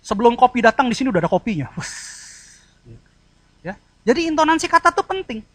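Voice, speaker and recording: Lively, expressive male preacher. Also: very high voice, fast, dry recording. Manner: animated, acts out tones of voice and quizzes the congregation; conversational, mixes colloquial asides into teaching. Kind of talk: sermon.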